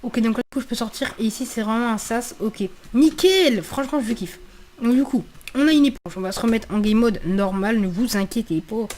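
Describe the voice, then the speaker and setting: A woman's voice: fairly high pitch, brisk, darkish tone. A woman giving casual, slangy let's play commentary, swearing freely and thinking aloud as she repeats her phrases. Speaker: gaming video creator.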